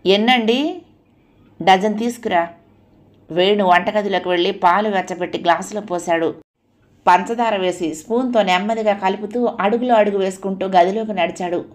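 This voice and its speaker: A woman's voice: mid-range voice, a little fast. Woman narrating an audio novel. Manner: expressive storytelling.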